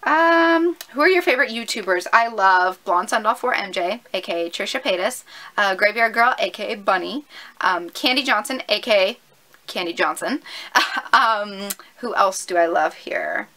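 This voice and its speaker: A woman's voice: medium pitch, lively intonation, normal speed, pushed and bright, poor audio. A woman of twenty-one, chatty and upbeat, answering viewer questions in a casual vlog filmed at home on a camera mic. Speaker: YouTuber.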